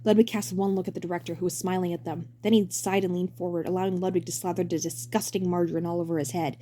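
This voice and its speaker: A woman's voice: lowish voice, flat delivery, fast, warm tone, slight background noise. A woman narrating a fan story as a dramatic reading.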